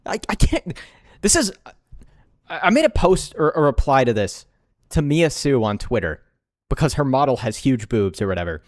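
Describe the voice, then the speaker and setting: A man's voice: mid-range voice, very animated, moderate pace, no room sound, studio quality. A young man doing live reaction commentary as a streamer, incredulous and laughing often.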